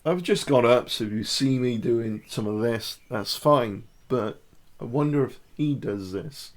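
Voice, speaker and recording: A man's voice: medium pitch, unhurried. A man giving casual body-language commentary to camera, talking the viewer through poses and demonstrations.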